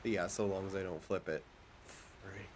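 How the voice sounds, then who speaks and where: A man chatting casually as a co-streamer on a gaming stream, easygoing and quick to laugh. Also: low voice, fairly even intonation, slight background noise. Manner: giggly, easygoing.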